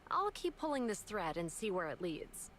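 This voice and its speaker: A woman's voice: medium pitch, big pitch swings, normal speed, fairly bright tone, slight background noise. An actress playing a composed female investigator who explains the case steadily. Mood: determined.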